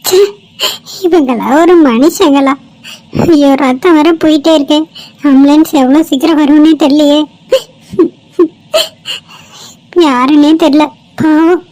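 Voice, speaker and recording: Woman voicing a kind-hearted cartoon girl, high and pleading, loud and urgent. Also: fairly even intonation, moderate pace, close to an everyday voice, poor audio. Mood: distressed. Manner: pleading, earnest. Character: kind young woman pleading to help a stranger.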